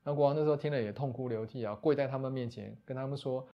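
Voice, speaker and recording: A man, a Buddhist monastic teacher retelling a scripture story as a lecture, often closing phrases with soft tags. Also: mid-range voice, quick pace, muffled recording.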